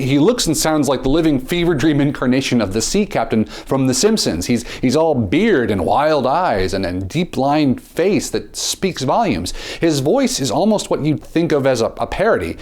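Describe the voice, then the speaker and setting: A man delivering a scripted film review in a theatrical way, often repeating a word as he starts a phrase. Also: darkish tone. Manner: theatrical, with dramatic pitch swings and slowed emphasis.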